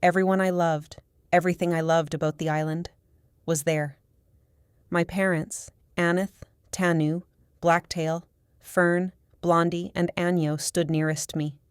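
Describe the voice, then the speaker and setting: A woman narrating a first-person audiobook in a steady, measured storytelling manner. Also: lowish voice, clean tone, no echo, clean studio sound.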